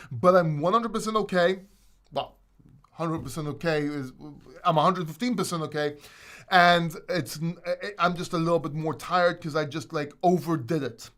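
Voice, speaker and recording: A man's voice: fairly high pitch, a bit bright. Chatty Greek man hosting a live stream. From Greece. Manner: chatty, rambling, with restarts. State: a little winded. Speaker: host. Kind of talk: casual live-stream chat.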